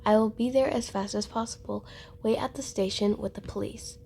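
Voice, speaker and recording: A woman's voice: medium pitch, fairly even intonation, normal speed, vocal fry, dark tone, slight background noise, close to an everyday voice. A woman voicing a loving mother who soothes her rescued daughter. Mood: soothing.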